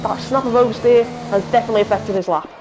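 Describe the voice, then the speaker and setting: A woman with a Liverpool accent doing live sim-racing commentary, halting with fillers and jumping up in excitement at crashes. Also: a little high, lo-fi sound, music in the background. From Liverpool, England.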